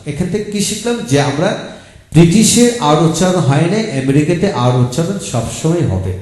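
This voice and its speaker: A man teaching an English lesson in a video lecture, explaining step by step and repeating example words slowly. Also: on the high side, expressive, darkish tone. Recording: very echoey room.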